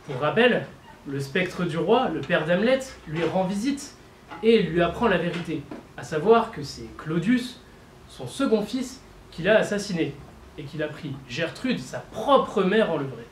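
A young male student giving an eloquence-contest speech, addressing the jury in a playful, theatrical way with dramatic pauses. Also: on the high side, sing-song, a little hiss or hum. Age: young adult. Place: university lecture hall. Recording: roomy hall with faint ambience.

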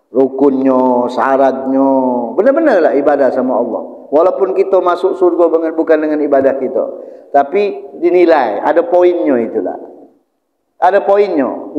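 A man with a Palembang Malay accent preaching a weekly sermon in a prayer room, telling stories and acting out the voices in them. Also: on the high side. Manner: animated storytelling, acts out voices of angels and sinners. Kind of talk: storytelling sermon. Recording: echoey hall, muffled audio.

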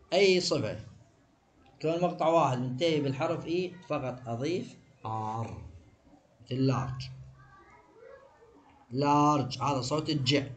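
A man with an Iraqi Arabic accent teaching an exam review, firing quick questions and answering them himself. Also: mid-range voice, slight background noise. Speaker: English teacher.

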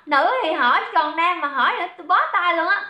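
Fast-talking high-voiced woman livestream seller. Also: bright, forceful tone. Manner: chatty, teasing, reads viewer comments aloud. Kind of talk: live-selling chatter. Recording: echoey room, dull lo-fi sound.

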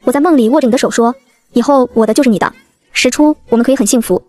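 A woman voicing a remorseful rich young man who speaks softly and hesitantly. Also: fairly high pitch, very fast, no echo, natural voice. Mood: tender. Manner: soft, hesitant confession.

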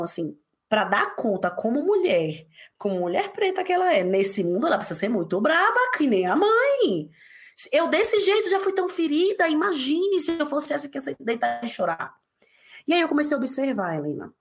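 A woman guest in a casual podcast conversation, telling stories quickly and acting out quotes. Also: high voice. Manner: animated, quick storytelling with acted quotes.

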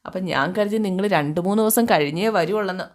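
A woman's voice: mid-range voice, a little fast, close to an everyday voice. A woman voicing an easily angered middle-aged mother-in-law who complains indignantly.

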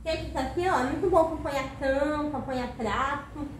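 A woman's voice: high-pitched, brisk, background noise. A woman in her thirties with a Brazilian accent, chatting to viewers while she cleans her kitchen. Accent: Brazilian Portuguese. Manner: chatty, addresses viewers often, tired. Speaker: home cleaning vlogger. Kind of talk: casual chat while cleaning. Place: home kitchen, indoors. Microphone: camera across the room. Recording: echoey kitchen, camera far off.

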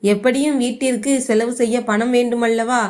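A woman's voice: on the high side, fairly even intonation, moderate pace, a little mellow, natural voice. An earnest hardworking poor husband, voiced by a woman. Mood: agreeable.

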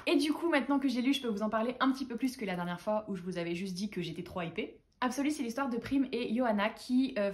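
A woman's voice: fairly high pitch, a little mellow. A woman chatting enthusiastically as a book vlogger, talking through her monthly reads and haul. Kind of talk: casual book haul chat.

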